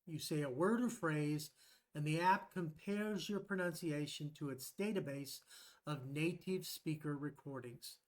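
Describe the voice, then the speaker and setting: A man's voice: on the high side, a little slow. A man, an English professor, presenting a playful scripted video lesson.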